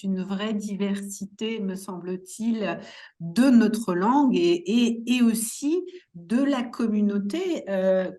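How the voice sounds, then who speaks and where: A woman's voice: medium pitch, dark tone. A woman moderating a webinar panel, courteous and hesitant, with many fillers as she asks her questions.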